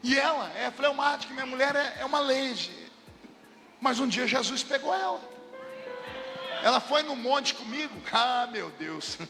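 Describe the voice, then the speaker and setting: A man with a Brazilian Portuguese accent preaching a lively, humorous storytelling sermon as a pastor, bursting into shouts. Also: very high-pitched, normal speed, pauses often, in a large hall, faint music behind.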